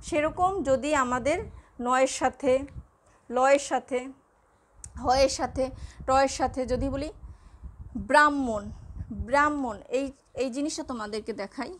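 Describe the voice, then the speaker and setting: A woman lecturer giving a patient, slow classroom lesson, spelling out letters one by one. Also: high-pitched. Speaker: Bengali lecturer.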